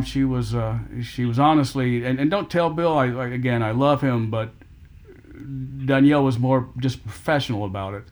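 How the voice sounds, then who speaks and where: A middle-aged man in an emotional family conversation, with a voice of ordinary pitch. He talks haltingly, stumbling over repeated words and restarting his sentences as he goes. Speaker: family caregiver on a call.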